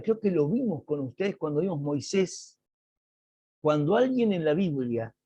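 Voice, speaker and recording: Husky, slow male Bible teacher. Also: fairly high pitch, darkish tone, dry recording. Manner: slow, emphatic explaining with dramatic read-aloud quotes. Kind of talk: online Bible class lecture. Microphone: video call.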